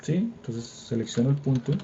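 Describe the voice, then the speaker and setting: Animated and mellow, this young man's mid-range voice moves at a moderate pace, with slight background noise. Speaking with a Colombian Spanish accent, he gives an online engineering drawing lecture with a screen demo, patiently and informally checking whether students follow; the computer mic on the video call gives slightly dull audio.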